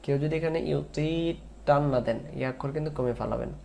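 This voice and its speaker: A man teaching Quran recitation, drawing out the verses in a slow chant between spoken explanations. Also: fairly high pitch, creaky, warm tone. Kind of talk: tajweed lesson with chanted recitation.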